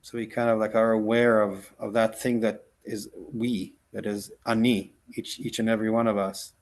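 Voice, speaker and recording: With a low-leaning, level male voice, a rabbi who grew up speaking Hebrew gives a laid-back lesson and then a gentle, slow guided meditation. He speaks haltingly, restarting a lot and filling in with "like" and "right?"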